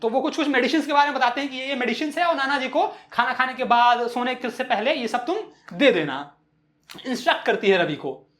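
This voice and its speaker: A woman's voice: sits high, lively intonation, a little fast, a bit bright, roomy sound. A woman teacher explaining an English chapter line by line in Hindi, mixing in English phrases and acting out the characters' lines.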